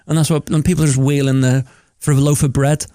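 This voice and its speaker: Man, Liverpool accent, podcast co-host, sweary, rambling, mellow. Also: mid-range voice, level tone, fast talker, no room sound. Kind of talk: casual chat.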